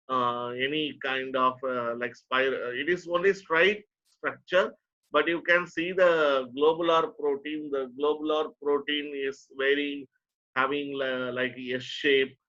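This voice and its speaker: A man's voice: on the high side, fairly even intonation, measured pace, bright, forceful tone, lo-fi sound. A man with an Indian accent teaching a lesson step by step, often repeating phrases for emphasis. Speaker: teacher, lecturer. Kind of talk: online lecture to a nursing student.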